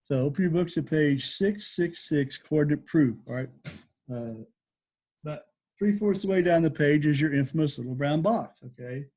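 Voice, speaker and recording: A man's voice: a little high, moderate pace, darkish tone. A man teaching a recorded lesson in an informal, explanatory way, often checking in with short tags like okay and all right. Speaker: geometry teacher.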